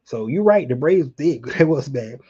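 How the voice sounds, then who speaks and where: This middle-aged sports livestream host from Atlanta, Georgia, speaks in a medium-pitched, expressive, mellow voice with a breathy edge and a moderate pace. He chats casually and colloquially with viewers, addressing them directly and reminiscing about sports, over lo-fi sound.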